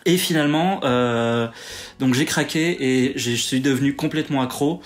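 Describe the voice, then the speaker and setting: A man's voice: mid-range voice, normal speed, soft background music. A man hosting a podcast, chatting casually over a remote call, full of fillers and restarts. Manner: chatty, many fillers and self-corrections. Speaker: podcast host. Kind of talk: casual chat.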